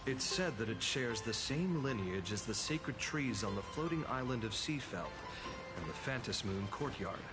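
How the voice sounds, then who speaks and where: Man voicing a courteous male guide, calm, mid pitch, music behind. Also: moderate pace, close to an everyday voice. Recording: game audio with music behind.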